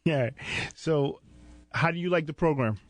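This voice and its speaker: A man's voice: a little high, unhurried, faint music behind. A man hosting a casual interview with his students as their youth mentor. He talks in an easygoing, encouraging way and often calls them "man" and "brother.". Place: indoor recording space at a sports arena.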